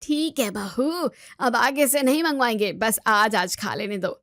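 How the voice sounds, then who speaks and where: A woman's voice: on the high side, lively intonation, unhurried, a bit bright, no echo. Woman doing a stubborn greedy old father-in-law over 65, whiny and pleading, dry sound.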